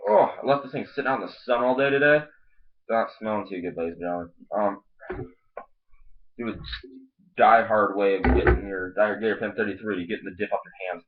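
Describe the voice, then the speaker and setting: With a lowish voice and slightly quick delivery, a man hosts a laid-back review video, rambling, cursing and speaking with dip in his lip. It's recorded on dull, lo-fi home video audio.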